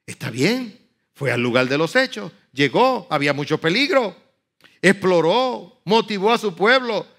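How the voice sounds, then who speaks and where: High, bright-voiced man preaching with fire. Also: expressive, unhurried. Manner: swings from soft murmurs to loud, high-pitched outbursts; acts out biblical speech with dramatic emphasis. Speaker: pastor. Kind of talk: sermon.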